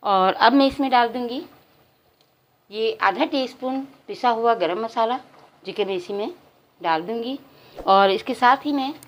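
A woman hosting a cooking channel, giving calm step-by-step recipe instructions to her viewers in a home kitchen. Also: a little high, a little hiss or hum, poor audio.

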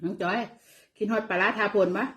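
A woman's voice: medium pitch, fairly even intonation, brisk, a bit bright. A middle-aged woman with an Isan Thai accent chats casually as she eats, chewing while talking and humming over her food. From Thailand. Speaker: host of an eating vlog. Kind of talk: casual chat while eating. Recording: echoey, roomy sound.

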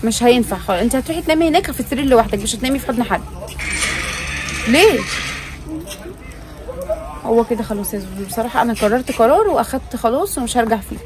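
A woman's voice: on the high side, lively intonation, very fast, hardly any pauses. An Egyptian woman, a mother vlogging with her family, talking in a coaxing, insistent way. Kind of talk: casual family vlog chat.

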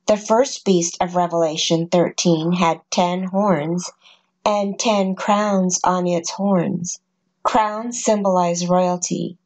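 A woman in a scripted narration, reading scripture and numbered points at a measured, even pace. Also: medium pitch. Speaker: prophecy narrator.

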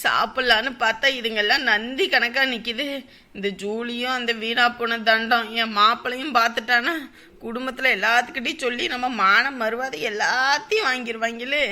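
Middle-aged mother-in-law, high bright voice, self-pitying muttering. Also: steady tone, moderate pace. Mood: scheming. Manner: grumbling to herself, self-pitying. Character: hungry, scheming village mother-in-law. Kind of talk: village web-series drama.

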